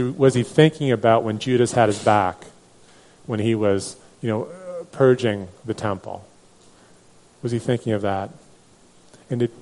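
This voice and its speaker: A man's voice: lowish voice, darkish tone. A man teaching a Bible class in a conversational way, with many fillers and restarts. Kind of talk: Bible study lecture.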